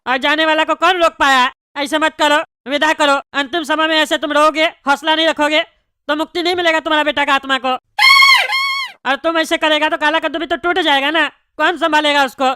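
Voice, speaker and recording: A woman's voice: high voice, steady tone, fairly quick, bright, forceful tone, raised voice, a little hiss or hum. A woman voicing a bald, pompous male neighbourhood politician in a cartoon comedy, bossy and rambling. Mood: consoling. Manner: bossy, rambling, tactless consoling.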